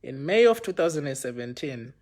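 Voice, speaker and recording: A man's voice: mid-range voice, fairly quick. A man casually telling a personal story to viewers, acting out the dialogue and using many fillers like "you know" and "okay". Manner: animated, acts out dialogue in retelling.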